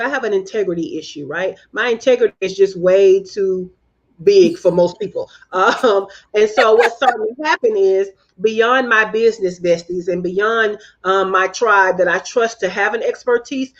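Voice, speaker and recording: A woman's voice: mid-range voice, normal speed. Southern us lady from alabama talking business tips, emphatic, keeps checking in, kinda muffled lo-fi sound. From Alabama, United States. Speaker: guest business coach. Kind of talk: conversational business advice.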